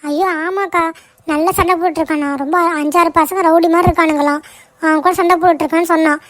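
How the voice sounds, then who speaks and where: A woman voicing an anxious neighbour woman in a cartoon, rushing in with alarming news. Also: very high voice, fairly even intonation, fairly bright tone, no echo, clean studio sound. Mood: alarmed. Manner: breathless, alarmed. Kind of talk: cartoon voice acting.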